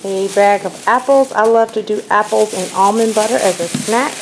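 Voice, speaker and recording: A woman's voice: medium pitch, moderate pace, slight background noise, poor audio. A woman talking through her grocery haul for a vlog in her home kitchen, chatty and enthusiastic, with rain faintly outside. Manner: chatty, enthusiastic product rundown. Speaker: vlogger.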